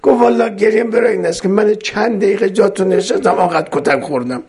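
A man's voice: high voice, a little mellow, slightly rough, voice pushed up, heavily acted. A man voicing a grieving wise holy fool who tells the king a reproachful story.

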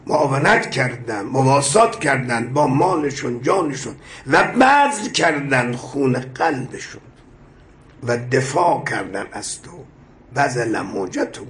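A man preaching a sermon with passion, reciting prayer lines and explaining them, his voice swelling to loud emphatic cries. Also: mid-range voice, a little hiss or hum. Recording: echoey room.

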